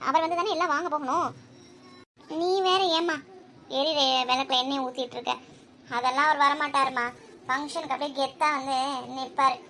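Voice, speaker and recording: A woman's voice: sits high, pushed and bright, a little hiss or hum. A woman voicing a harried middle-aged mother in a cartoon drama, complaining and scolding.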